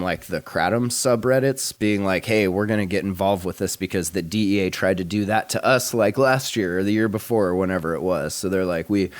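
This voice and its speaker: A man's voice: low-pitched, dry recording. A man hosting a podcast in casual chat, laid-back and rambling, swearing and laughing often. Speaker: podcast host.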